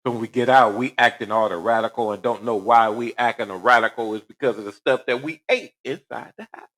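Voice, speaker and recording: A man's voice: mid-range voice, brisk, fairly bright tone. A man hosting reaction commentary on a news clip, talking in a preachy way and firing rhetorical questions. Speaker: commentary host.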